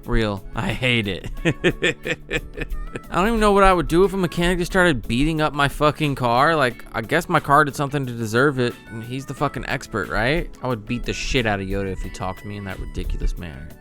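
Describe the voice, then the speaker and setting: A man's voice: mid-range voice, animated, brisk, sharp tone, faint music behind. A man hosting his channel, reacting to memes in casual chat, laughing often, swearing freely and riffing sarcastically. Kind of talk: casual meme reaction commentary.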